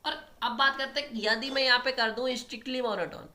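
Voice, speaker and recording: Bright-voiced man teaching maths. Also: very high voice, steady tone, a little fast. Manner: explains step by step, often checks in with the students. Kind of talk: online exam-prep lecture at a board.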